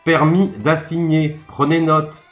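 A man playing a brisk, impatient country judge. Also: on the high side, little pitch movement, a bit bright, voice pushed up. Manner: brisk, dismissive, officious. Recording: echoey room, faint music.

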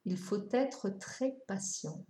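Woman doing wise old fox from a storybook, calm and wistful, warm mellow tone. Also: mid-range voice, slow, echoey room.

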